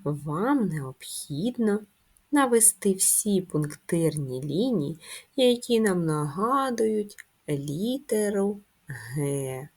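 Woman, primary school teacher, children's handwriting lesson, low-pitched, slightly husky voice. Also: expressive. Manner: slow, gentle and instructive, addressing young pupils.

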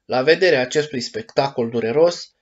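A man narrating a children's storybook in an expressive, measured reading. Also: medium pitch, lo-fi sound. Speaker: audiobook narrator.

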